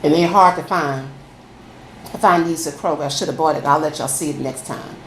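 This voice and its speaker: A low-pitched woman, a food vlogger, talks briskly to her viewers while eating in a casual mukbang. She's folksy and calls everyone y'all, and the audio carries room echo and faint background noise.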